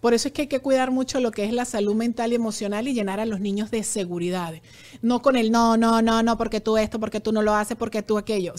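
An earnest woman speaking as a guest in a relaxed conversation. Her voice sits a little high, and she often acts out other people's words as she explains. She sounds animated throughout. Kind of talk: casual conversation.

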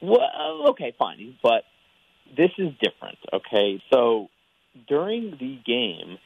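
Male caller heard down a thin phone line, halting and restarting, lively up-and-down delivery. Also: mid-range voice, creaky. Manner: hesitant, stammering restarts. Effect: heard over a phone line on speakerphone. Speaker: radio call-in guest. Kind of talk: casual phone chat.

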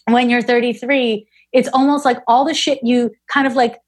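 A woman in her forties, an astrologer being interviewed, speaking frankly and bluntly with casual swearing. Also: fairly high pitch. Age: 40s. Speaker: astrologer guest.

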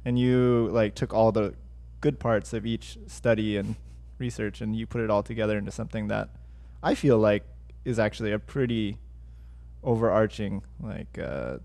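A man's voice: fairly low pitch, normal speed, vocal fry, darkish tone. A man hosting a casual podcast, talking in a rambling way full of fillers and restarts. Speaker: podcast host.

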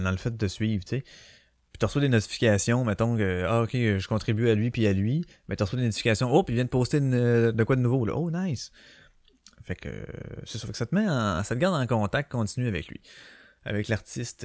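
Québécois guy, low voice, loose rambling solo podcast host, dry close home mic. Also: darkish tone, no room sound. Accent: Québécois French. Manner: rambling, many fillers and restarts. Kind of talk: casual solo podcast talk. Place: small bedroom at home. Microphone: small home microphone.

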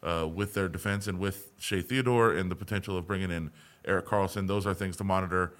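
A man's voice: deep voice, fairly even intonation, brisk, fairly bright tone. A man co-hosting a sports podcast, talking in a casual, conversational way with frequent restarts. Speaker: podcast co-host.

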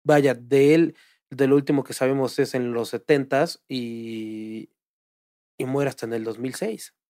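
Man, Mexican accent, casual chat, animated, profane, average pitch, dry sound. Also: unhurried, dry recording. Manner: animated, swears freely. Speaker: podcast co-host.

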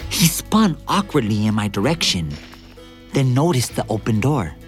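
A man tells a chase story in the first person at a moderate pace, his pitch rising and falling in a lively way. He is the narrator and lead actor, and his storytelling is vivid and expressive. Soft music plays faintly beneath him.

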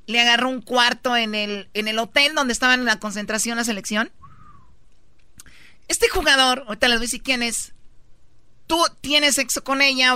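High, bright-voiced woman telling gossip. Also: clear, resonant tone, dry recording. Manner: chatty, teasing. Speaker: radio show co-host. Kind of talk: gossip storytelling.

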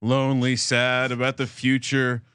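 A man co-hosting a sports podcast, making his case in a measured, reasoning way during casual debate. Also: medium pitch, completely flat delivery, background noise. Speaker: podcast co-host.

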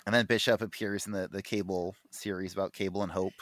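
A man's voice: deep voice, steady tone, quick pace, a bit bright, dry recording, studio quality. A man co-hosting a podcast, chatting casually and enthusiastically, full of fillers and restarts. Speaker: podcast co-host. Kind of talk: casual comic book chat.

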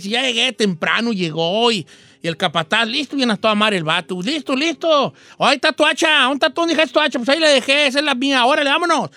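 A man's voice: extremely high pitch, bright, forceful tone, dry recording, full character voice. A man with a Mexican accent playing a folksy old rancher who hosts a radio show and tells a rambling, slangy joke, acting out voices and axe sounds.

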